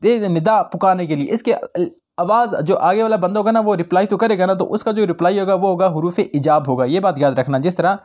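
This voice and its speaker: A man's voice: high-pitched, fairly quick, a little mellow. A man teaching a grammar lesson to students, explaining terms and acting out short example phrases, mixing in English words. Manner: explains in Hindi-Urdu mixed with English words; acts out short example exclamations.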